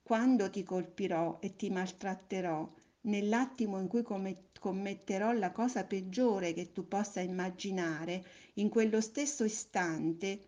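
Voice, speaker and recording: A woman doing a gentle, patient friendly soul. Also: medium pitch, measured pace, hardly any pauses, lightly acted. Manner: calm, gentle, explaining. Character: kind, patient friendly soul, a sexless spirit. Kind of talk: storybook reading.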